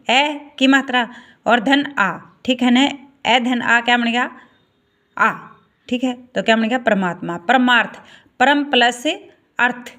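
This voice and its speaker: Here a woman with a high, bright and forceful voice teaches Hindi grammar, going through vowel sounds individually and confirming her students follow along. Her pace is slow, with repeated "ठीक है" and frequent checking questions.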